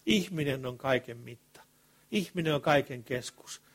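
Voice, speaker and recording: Expressive and medium-pitched with a breathy edge, this male preacher delivers his sermon in casual speech. He moves from loud, impassioned moments to hushed remarks, asking the congregation rhetorical questions.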